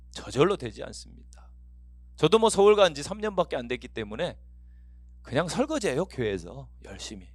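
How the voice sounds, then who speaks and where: Lively, animated middle-aged pastor. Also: male voice, fairly high pitch, no room sound. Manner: lively storytelling with anecdotes and acted quotes. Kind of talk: lecture to pastors.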